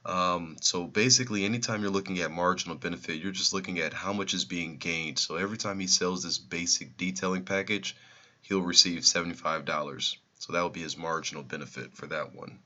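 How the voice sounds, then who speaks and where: A man's voice: deep voice, a little fast, pushed and bright, muffled recording. A man who is losing his voice, explaining exam problems in a recorded review lesson and repeating the key numbers.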